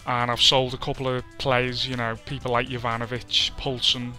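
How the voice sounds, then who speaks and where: A Liverpool man with a Scouse accent does casual let's-play commentary over a football video game, chatty and self-deprecating. His medium-pitched voice shows little pitch movement and a bright, forceful tone at normal speed, with faint music behind.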